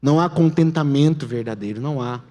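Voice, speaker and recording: A man with a Brazilian Portuguese accent preaching a sermon as pastor, telling the story dramatically and dropping to a hush at key moments. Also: fairly high pitch, fast talker. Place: church sanctuary. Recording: long church hall reverb.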